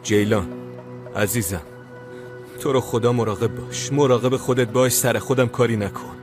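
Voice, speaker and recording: An actor voicing a caring young man who talks gently and with concern, and turns urgent. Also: mid-range voice, steady tone, over music, close to an everyday voice. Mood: gentle. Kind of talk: TV drama dub.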